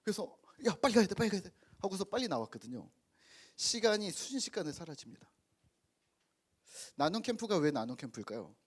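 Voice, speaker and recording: Animated male pastor preaching. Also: on the high side. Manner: anecdotal, quotes voices of family and congregation. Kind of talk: sermon. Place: church sanctuary.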